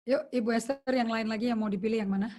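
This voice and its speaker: A woman's voice: fairly high pitch, fairly even intonation, fast talker, warm tone. A woman pastor teaching a sermon over a video call, chatting casually and slipping English phrases into her talk.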